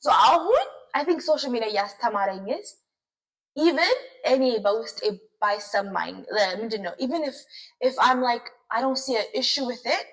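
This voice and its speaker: A young woman, her voice high and bright in pitch. She tells her story quickly and with emphatic energy in a casual chat. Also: expressive, rough recording. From United States. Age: young adult. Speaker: co-host.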